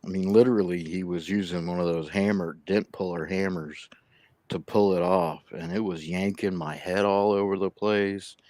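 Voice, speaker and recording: A man's voice: low voice, fairly even intonation, normal speed, darkish tone, no echo. A man with a slight lisp from missing front teeth, chatting casually on a live stream, telling a long rambling story and mumbling a little. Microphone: laptop.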